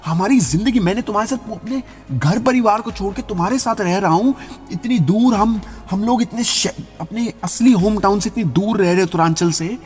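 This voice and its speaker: A man's voice: fairly high pitch, animated, normal speed, darkish tone, close to an everyday voice. A man voicing a hurt, betrayed young husband who pleads and bursts out indignantly. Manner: pleading, rising to indignant outbursts. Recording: reverberant voice-over with background music.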